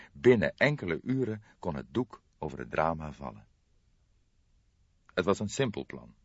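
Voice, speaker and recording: Reading a crime novel aloud in scripted storytelling fashion, this male audiobook narrator has a low, husky voice with a slight brightness. The audio is dull and has a roomy quality.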